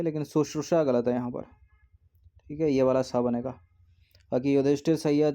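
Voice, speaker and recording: A man's voice: mid-range voice, dark tone, lo-fi sound. A man teaching an exam practice test, explaining each answer and repeating words as he checks the options.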